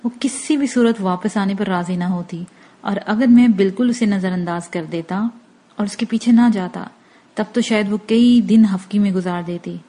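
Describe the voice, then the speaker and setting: A woman narrating an audiobook in a steady, even storytelling manner. Her voice is mellow and dark, with a warm softness in the tone. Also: mid-range voice.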